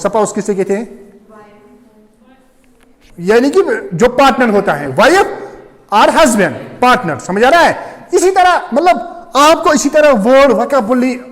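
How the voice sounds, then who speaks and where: A man with a very high, lively voice teaches an English lesson. He explains each point step by step and keeps asking whether the class understands. His voice carries a long reverb from the classroom. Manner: repeats "do you understand?" often, explains step by step. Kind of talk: classroom lecture.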